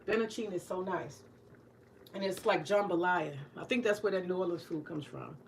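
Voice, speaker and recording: In a casual cooking vlog filmed in her home kitchen, a forties woman who seems like a retired teacher speaks to viewers with a low-side voice at a moderate pace. She's candid and joking, swears freely, and light hiss runs behind her.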